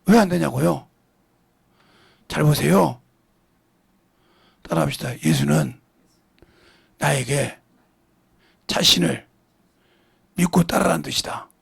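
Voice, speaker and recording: A man preaching a sermon as pastor, blunt and scolding, with big swings between loud and quiet. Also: a little high, animated, takes it slowly, long pauses. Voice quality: gravelly, husky voice. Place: church sanctuary.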